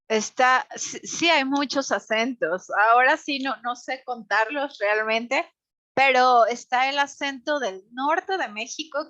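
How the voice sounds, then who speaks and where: A woman's voice: fairly high pitch, sharp tone, dry recording, dull audio. A woman with a central Mexican Spanish accent, chatting as a guest and explaining things carefully with examples. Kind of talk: casual chat.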